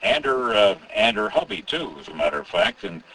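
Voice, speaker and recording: Rambling, bright-voiced radio host. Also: male voice, lowish voice, sing-song, brisk, rough recording. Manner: rambling, many fillers and restarts. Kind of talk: casual radio interview.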